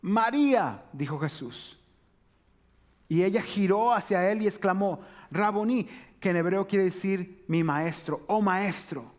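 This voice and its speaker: A man preaching a sermon in church, often checking in with "¿verdad?". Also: high-pitched. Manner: conversational preaching, frequent "¿verdad?" tags. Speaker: pastor.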